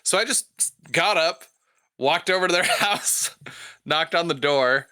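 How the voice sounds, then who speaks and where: A man in his thirties, a podcast co-host, telling family stories in casual chat with quick laughs. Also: fairly high pitch, sharp tone, clean tone, no echo, studio quality.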